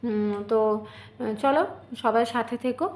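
A woman's voice: a little high, moderate pace. A young woman chatting casually in a home vlog, talking straight to her viewers. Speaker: vlogger.

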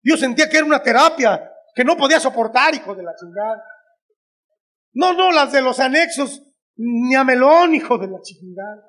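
A man with a Mexican accent telling a crude comic story to an audience, swearing constantly, with shouted bursts and acted-out lines from his mother. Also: very high-pitched, lively intonation, normal speed. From Guanajuato, Mexico.

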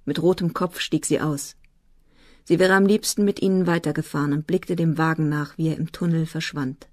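Brief: calm woman narrator, lowish voice, dry close studio read of a novel. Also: moderate pace, no echo. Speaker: audiobook narrator. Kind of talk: literary audiobook narration.

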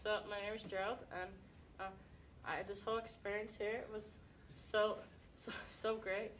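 A woman's voice: mid-range voice, little pitch movement, moderate pace, distant mic, a little hiss or hum, poor audio. A woman talking hesitantly and stumbling over her words in an improvised comedy skit.

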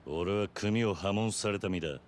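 A man's voice: fairly low pitch, normal speed, slight background noise, natural voice. A man playing a stoic, terse ex-yakuza in a video game drama, with blunt yakuza-style speech. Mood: terse, firm. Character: stoic, terse male ex-yakuza tough guy.

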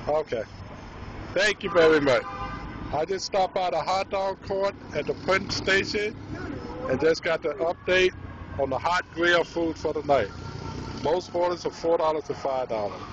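A man hosting a street food vlog outdoors, firing off questions in quick, friendly chatter. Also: fairly high pitch, noisy background. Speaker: host.

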